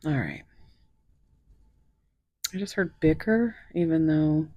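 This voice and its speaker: A woman reads tarot casually in a deep, animated voice, and the recording is muffled but free of echo. She goes slowly, thinking aloud, and lapses into whispers while pulling cards.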